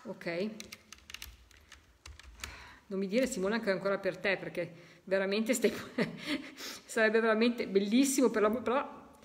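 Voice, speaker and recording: A woman leading a live spirit-voice session, talking casually and slowly repeating the messages she hears. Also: medium pitch, fairly even intonation, slight background noise. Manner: slow, drawn-out repeating of heard messages. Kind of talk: live stream commentary.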